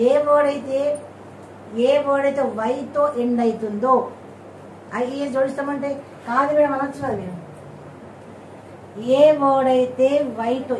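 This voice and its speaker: A woman's voice: sits high, reverberant, recorded from a distance, slight background noise, poor audio. A woman with a Telugu accent teaching English verb forms, repeating words and checking with "okay?". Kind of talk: classroom grammar lesson.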